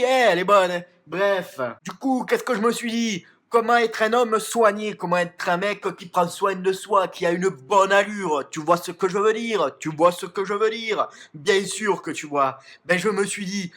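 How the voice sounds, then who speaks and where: A man's voice: high-pitched, a bit bright. A young man hamming up a crude, boastful macho persona in a comic beauty tutorial, recorded at home in his bathroom. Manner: crude, boastful macho bravado, tagging lines with "hein". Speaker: comedy YouTuber in character.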